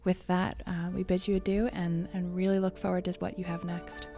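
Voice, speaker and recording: A woman hosting a podcast interview, asking her questions in a polite, measured way. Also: on the low side, little pitch movement, creaky, mellow, faint music behind. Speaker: podcast host.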